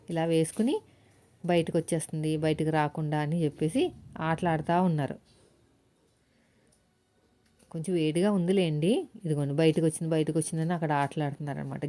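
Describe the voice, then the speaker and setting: Cooking in her home kitchen, this housewife vlogger speaks in a fairly low, dark-toned voice. She chats casually and directly with viewers, slipping in small stories as she works.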